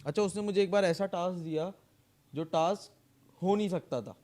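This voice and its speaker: A man's voice: high-pitched, normal speed. A man, casually telling a workplace story on a podcast and acting out the lines of the people in it. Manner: animated, acts out quoted dialogue.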